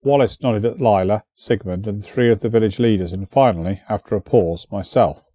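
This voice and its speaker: A man narrating an audiobook in a measured storytelling manner on a close studio mic. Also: on the low side, dark tone, no echo, muffled recording.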